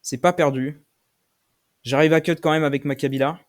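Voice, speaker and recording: A young man commentating his own game play, swearing often and shouting when he loses. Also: on the high side, steady tone, normal speed. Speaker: gaming streamer.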